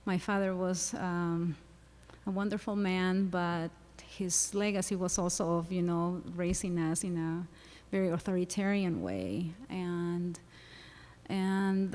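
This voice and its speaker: A middle-aged woman from Peru with a Peruvian Spanish accent, speaking earnestly and haltingly with many fillers on a panel. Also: lowish voice, a little mellow. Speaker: psychologist panelist. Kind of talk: panel discussion talk. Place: university lecture hall. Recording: long hall reverb.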